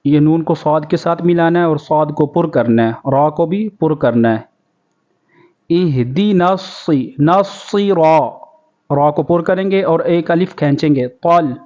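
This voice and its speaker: A male Quran teacher from Pakistan giving a tajweed lesson, chanting verses slowly and then explaining the rules of pronunciation quickly. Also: on the high side, mellow. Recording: dull lo-fi recording.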